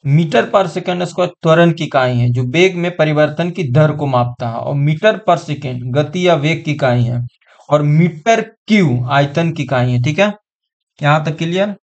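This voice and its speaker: Male tutor, slightly high voice, unhurried, drills terms over and over. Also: vocal fry, muffled recording. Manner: repeats terms over and over, checks understanding. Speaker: exam-prep science teacher. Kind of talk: online class lecture.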